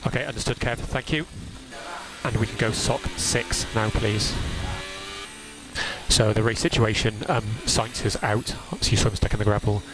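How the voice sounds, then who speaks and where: A race engineer with a fairly low voice speaks at normal speed over a radio headset, giving clipped, procedural instructions and repeating key calls. The team radio is noisy, with loud engine and track sound behind him.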